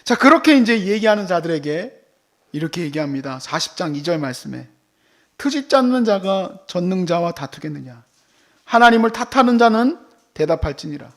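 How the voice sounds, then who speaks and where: A man preaching a sermon, dropping to near whispers and then rising to loud, exclaiming outbursts, acting out the voices of the people in his story. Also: sits high, very animated, moderate pace. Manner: acts out God's and friends' voices in the sermon. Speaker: pastor. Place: church service.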